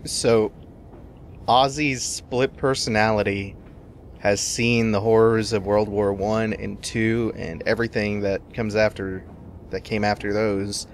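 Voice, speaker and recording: A man's voice: on the low side, slight background noise. A man giving casual let's play commentary, musing and thinking aloud as he plays. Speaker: gamer commentating a playthrough.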